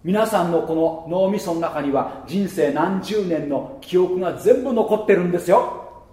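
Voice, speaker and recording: A man preaching a sermon as pastor, lively and playful, slipping into muttered mocking asides. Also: high-pitched, unhurried, roomy sound. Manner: lively, mutters mocking asides and laughs at his own jokes.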